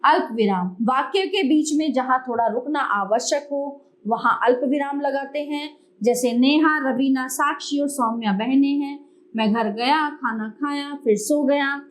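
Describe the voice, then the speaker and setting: A woman's voice: sits high, low-quality recording. A woman teacher giving a grammar lesson to children, explaining with examples. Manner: addresses children warmly, explains slowly with examples.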